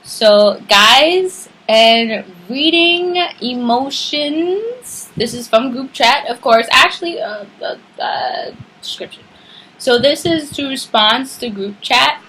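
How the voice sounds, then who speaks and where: A woman's voice: high voice, slow, husky, rough recording. A young woman hosting a casual talk, rambling and swearing freely. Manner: profane, animated, rambling. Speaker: podcast host. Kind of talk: casual chat.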